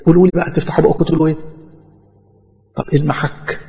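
A man's voice: fairly high pitch, level tone, racing, warm tone. A man preaching a sermon in Egyptian Arabic, talking conversationally and acting out imagined speakers in church. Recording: muffled audio with long hall reverb.

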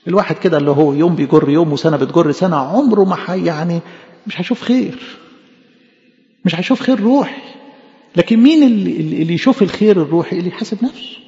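Fast, gravelly Egyptian preacher in a hall. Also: male voice, sits high, mellow. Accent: Egyptian Arabic. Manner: impassioned, pleading, repeating phrases for emphasis. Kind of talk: sermon. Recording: echoey hall, dull lo-fi sound.

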